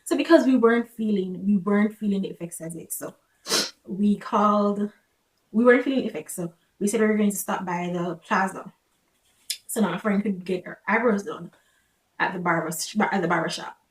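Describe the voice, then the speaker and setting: Young woman chatting thru a storytime for her vlog, mid pitch, kinda echoey room. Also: a little fast. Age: young adult. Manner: conversational, acts out quoted remarks. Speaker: vlogger telling a personal story. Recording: echoey, roomy sound.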